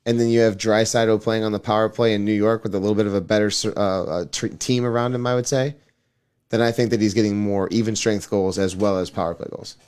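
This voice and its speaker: A man's voice: on the low side, steady tone, fast, a little mellow, clear, resonant tone. A man co-hosting a podcast, rambling casually about sports with lots of hedging and restarts. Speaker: podcast co-host.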